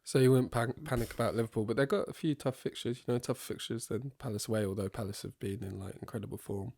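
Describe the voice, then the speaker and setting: A man's voice: mid-range voice, steady tone, fast, creaky, darkish tone, no room sound. Easygoing young man, dry sound. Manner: easygoing, poses topics as questions. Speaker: podcast co-host asking questions. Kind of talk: casual football chat.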